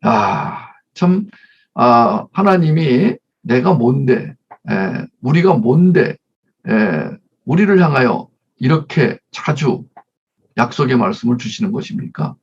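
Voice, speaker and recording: A man's voice: medium pitch, very animated, unhurried, breathy edge, lo-fi sound. A man preaching a conversational sermon, leading Bible readings and acting out little scenes of mothers and children. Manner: acts out mother and child voices, leads congregation reading. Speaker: pastor.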